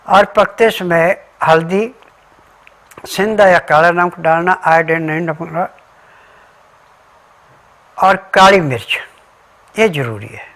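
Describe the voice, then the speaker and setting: A man's voice: fairly high pitch, slow pace, pauses often, a bit bright. A man giving an instructional health talk as a remedy advisor, methodically listing ingredients and diet rules step by step.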